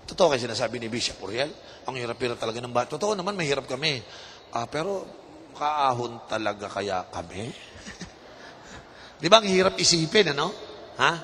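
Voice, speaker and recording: A man with a Filipino accent preaching a lively, humorous sermon, mixing Tagalog and English and acting out little scenes for the congregation. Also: mid-range voice, brisk, pauses often, slight background noise. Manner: animated, mixes Tagalog and English, acts out anecdotes in changing voices. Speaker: bishop preaching. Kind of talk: lively sermon with humor and audience call-and-response. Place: church hall. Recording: reverberant hall with faint ambience.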